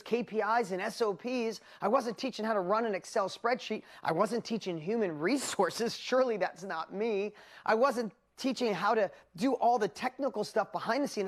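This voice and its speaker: A woman with a New York accent delivers a motivational talk to a seminar audience. She tells her story with energy and acts out her inner thoughts in quoted asides. Her voice sits at a middle pitch. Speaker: seminar presenter.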